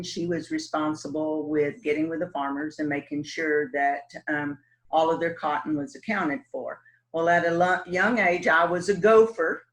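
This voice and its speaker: A city council candidate with a West Texas twang tells her story in casual interview answers, her voice on the low side. She speaks slowly, sprinkles in lots of ums and uhs, and stays folksy and relaxed the whole way through. The audio quality is poor.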